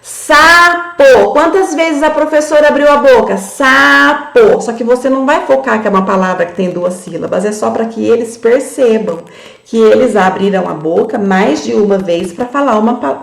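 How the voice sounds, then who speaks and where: A woman with a Brazilian Portuguese accent, training teachers in a tutorial and sounding out words slowly syllable by syllable. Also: a little high, creaky, roomy sound. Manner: slow, syllable-by-syllable demonstration for young children.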